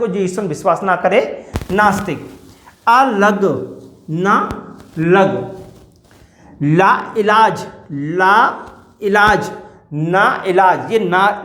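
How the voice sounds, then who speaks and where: A male teacher leads a grammar class at an unhurried, drawn-out pace, sounding each example word out with care. He often puts a question to the class and then answers it himself. His voice carries a noticeable echo from a hard-walled room. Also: sits high, a bit bright. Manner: slow, drawn-out repetition of example words. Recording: echoey room.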